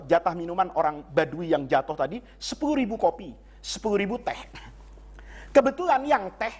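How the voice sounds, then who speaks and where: A man preaching in a religious study session, telling humorous stories with frequent chuckles and wide swings of his voice. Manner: humorous storyteller who chuckles often and swings his pitch widely. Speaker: Islamic preacher teaching a classical text. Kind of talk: religious study sermon with storytelling.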